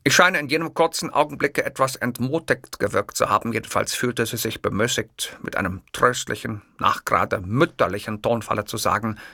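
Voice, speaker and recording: A man narrating a first-person audiobook in a measured, ironic storytelling manner. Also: medium pitch, gravelly, pushed and bright, no echo, clean studio sound.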